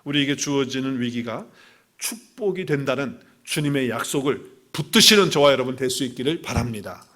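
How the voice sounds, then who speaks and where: A male pastor giving a sermon at a livestreamed church service. He preaches with animated swings from loud exclamations to quiet asides, asks the congregation questions and acts out quotes. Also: medium pitch, brisk.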